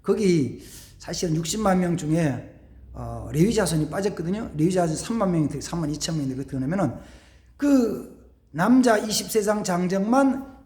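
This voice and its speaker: A man's voice: sits high, expressive, fairly quick, mellow, echoey room. A male pastor delivering a dramatic sermon, acting out the voices of biblical figures as he preaches.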